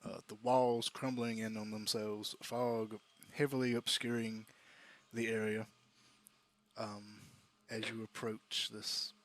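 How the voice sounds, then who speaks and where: A man from the United States narrating a tabletop game as game master, slow and halting with frequent fillers. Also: on the low side, a bit bright.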